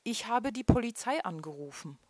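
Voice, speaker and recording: A woman's voice: fairly high pitch, very animated, normal speed, dry recording, pitched above the performer's own voice. A woman voicing a nervous male gas station attendant who speaks shakily and insistently. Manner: shaky, insistent.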